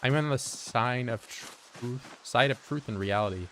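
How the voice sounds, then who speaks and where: A man's voice: mid-range voice, unhurried, a bit bright, slight background noise. A man giving casual live-stream commentary while he plays, joking dryly and answering his chat aloud. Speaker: game streamer.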